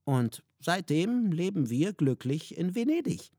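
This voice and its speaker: A man reading a children's story aloud in a calm, even storytelling manner. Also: fairly high pitch, a little slow, dry recording, clean studio sound. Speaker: narrator.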